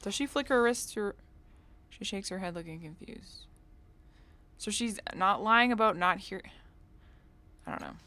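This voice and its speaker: A woman casually commenting on a game she is playing, thinking out loud and laughing easily. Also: mid-range voice, a little slow, pauses often. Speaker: video game streamer. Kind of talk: casual let's-play commentary.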